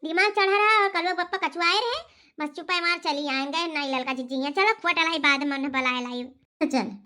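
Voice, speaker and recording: Woman doing squeaky Awadhi cartoon villagers. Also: a little fast, pushed and bright. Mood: chatty. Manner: squeaky, bantering, rustic dialect. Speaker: cartoon voice artist. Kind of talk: comic cartoon dialogue.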